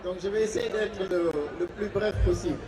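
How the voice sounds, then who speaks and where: A man giving a formal ceremony speech, hesitant and full of pauses, heard through an outdoor loudspeaker. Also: sits high, steady tone, distant mic, noisy background. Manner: hesitant, many filler pauses. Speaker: guest speaker at a graduation ceremony. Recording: outdoor PA heard from afar, crowd behind.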